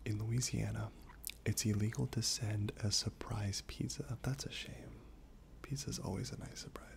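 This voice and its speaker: A man speaking in a soft, breathy half-whisper, gently reading trivia aloud in an ASMR style while chewing gum. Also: on the low side, flat delivery, normal speed. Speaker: ASMR host.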